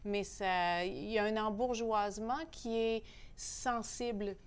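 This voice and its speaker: A woman's voice: mid-range voice, clean tone. Opinionated Canadian French woman. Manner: opinionated, animated, pauses on fillers. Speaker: newspaper columnist, guest. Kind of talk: casual interview conversation.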